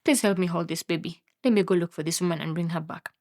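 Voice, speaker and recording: A woman's voice: fairly low pitch, fast talker, natural voice. A woman doing an exasperated young man. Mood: urgent. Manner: loud and exasperated. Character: angry young man denying a baby.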